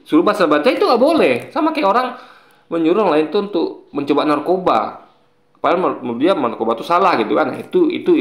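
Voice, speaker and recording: A fairly high-voiced man talks his viewers through his argument in casual commentary. His voice swings widely in pitch and has a gravelly edge. The room around him is echoey. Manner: animated, explains with examples and repeats points. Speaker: commentator reacting to video clips.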